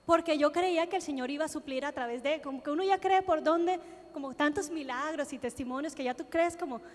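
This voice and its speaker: A woman's voice: high-pitched, fairly quick. A woman from Colombia, giving a sermon testimony and acting out her own prayers and conversations as she tells them. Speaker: preacher. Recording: long reverb of a large hall.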